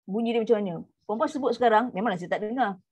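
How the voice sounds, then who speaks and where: A woman with a Malaysian Malay accent teaching an online tajwid class, stretching out the demonstration syllables between quick explanations. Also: a little high, darkish tone, husky. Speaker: Quran recitation teacher. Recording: muffled lo-fi audio.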